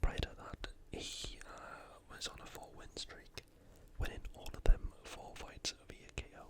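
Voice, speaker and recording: An ASMR host delivers an informal, somewhat hesitant analytical sports preview in a breathy, unvoiced whisper. The pace is a little slow.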